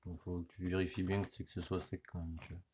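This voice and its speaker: A man's voice: deep voice, completely flat delivery, fast, noisy background. A middle-aged man talking casually while he works on an engine in his workshop, rambling and slangy, tagging nearly every phrase with a "you see". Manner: rambling and slangy, saying "tu vois" constantly. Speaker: motorcycle mechanic. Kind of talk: casual workshop how-to talk. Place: home workshop or garage.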